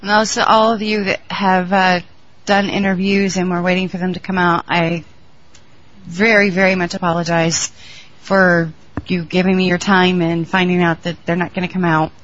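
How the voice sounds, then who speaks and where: A woman's voice: on the low side, level tone, normal speed, fairly bright tone. A woman co-hosting a podcast in casual, friendly chat. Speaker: podcast co-host. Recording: dull lo-fi podcast audio.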